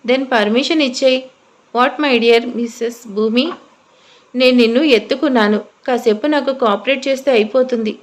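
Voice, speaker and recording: A woman's voice: fairly high pitch, normal speed, lightly acted. Brief: smug teasing young husband, read by a woman narrator.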